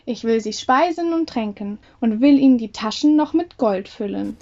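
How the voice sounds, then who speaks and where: A confident young male craftsman speaks up earnestly and a little grandly, as a woman reading a fairy tale puts him on. The voice is mellow and sits somewhat high. The recording sounds dull and lo-fi. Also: animated, normal speed.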